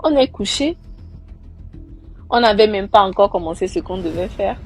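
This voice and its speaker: Young woman, lively storyteller, soft music underneath. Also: medium pitch, moderate pace. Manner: animated, acting out quoted voices. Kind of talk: personal story told casually.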